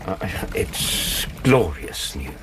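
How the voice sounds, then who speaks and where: An actor playing a kindly, earnest English gentleman doctor in a radio drama, gentle and protective in manner. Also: sits low, very animated, extremely slow, music in the background, heavily acted. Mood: polite. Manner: gentle, earnest, plain-spoken. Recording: clearly noisy sound-effect backdrop.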